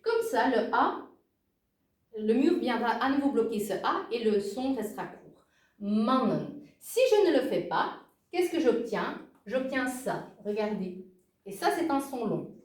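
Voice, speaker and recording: A woman teaching a language lesson in a fairly high voice that rises and falls a great deal. She explains with emphasis and often checks in with her listeners. The room rings noticeably, and she sits some way from the mic. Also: very animated, measured pace, echoey room, distant mic.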